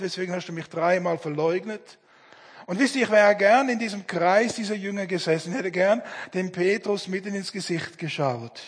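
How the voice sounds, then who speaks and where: A middle-aged man preaching a sermon, earnest, with dramatic pauses as he acts out quoted dialogue. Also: sits high, husky. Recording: long hall reverb.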